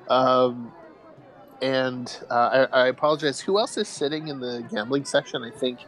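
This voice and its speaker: A man running a tabletop game as game master, narrating haltingly with many fillers and frequent laughter. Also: mid-range voice, lively intonation, fairly bright tone, some chatter behind, rough recording.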